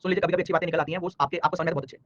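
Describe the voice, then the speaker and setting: Fast-talking, high-voiced male teacher. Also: fairly even intonation, no echo, dull audio. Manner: fast, scolding-jokey teacher talk, addresses students by name. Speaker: online exam-prep teacher. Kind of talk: live online reasoning class.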